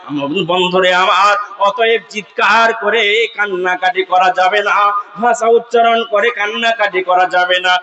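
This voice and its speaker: A man preaching a sermon, chanting in long drawn-out melodic phrases that swell to shouted peaks. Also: high voice, steady tone, dull audio. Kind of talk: sung Bengali sermon (waz).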